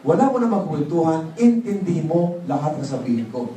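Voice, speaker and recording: In an echoey hall, a seminar speaker's fairly high, fairly quick voice comes from far off over faint noise. He gives an animated motivational business talk, mixing in English phrases and prompting the audience into call-and-response answers.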